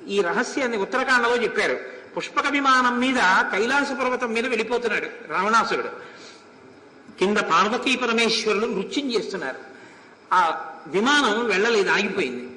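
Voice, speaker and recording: A man giving a devotional discourse on an epic in a large hall, animated in storytelling and chanting verses. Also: high-pitched, fairly quick. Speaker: religious storyteller. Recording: echoey hall with long reverb.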